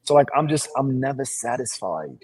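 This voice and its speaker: Born in Sierra Leone and raised in Seattle, an actor being interviewed puts on a British accent, talking confidently, emphatically, and boastfully in slangy, animated self-promotion. His mid-range voice swings widely in pitch at normal speed, a little mellow and slightly rough, with no echo.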